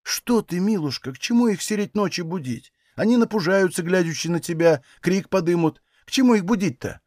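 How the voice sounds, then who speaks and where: A man's voice: fairly high pitch, normal speed, no room sound, natural voice. A stern, fussing old peasant mother speaks in a raised, firm voice, as a man reading the story puts her on. The sound is dry and close. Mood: soothing. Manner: firm scolding, then soft coaxing.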